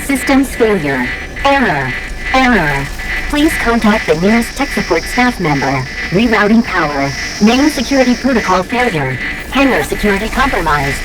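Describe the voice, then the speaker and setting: A woman's voice: mid-range voice, big pitch swings, normal speed, over loud music, lightly acted, poor audio. A woman voicing a glitching security computer. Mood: malfunctioning. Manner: clipped, mechanical system announcements. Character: glitching female security computer, failing and repeating errors. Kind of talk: video game voice acting.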